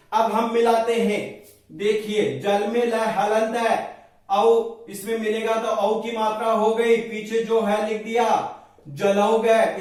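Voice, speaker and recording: A man teaching Sanskrit grammar for an exam, explaining slowly step by step and repeating set phrases. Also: high voice. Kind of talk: blackboard-style exam prep lesson. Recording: echoey room, voice from far off.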